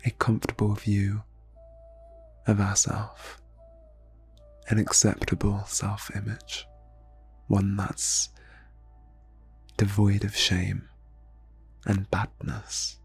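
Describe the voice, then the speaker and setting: A man guides an ASMR meditation in a soft, breathy, hushed near-whisper, phrasing slowly and soothingly with long pauses. His voice is lowish and monotone, with faint music in the background.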